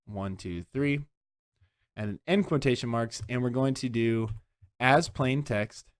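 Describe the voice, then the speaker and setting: A man walking through a software tutorial step by step, often checking in with "okay?". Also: medium pitch, slow, smooth. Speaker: tech instructor. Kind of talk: screen-recorded software tutorial.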